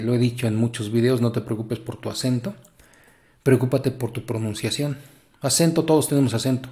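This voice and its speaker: A man's voice: mid-range voice, darkish tone. A man with a Mexican Spanish accent gives a casual English grammar lesson, chatty and encouraging, with many fillers. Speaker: English teacher.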